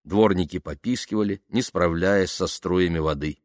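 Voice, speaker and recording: A man narrating an audiobook in a lively, expressive reading. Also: low-pitched, moderate pace, no echo, studio quality. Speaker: audiobook reader. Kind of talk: scripted narration.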